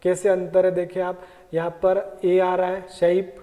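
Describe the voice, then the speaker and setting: A man's voice: sits high, monotone, measured pace, mellow, big-room sound. A man teaching an exam-prep lesson, explaining each point in Hindi mixed with English terms and repeating key words.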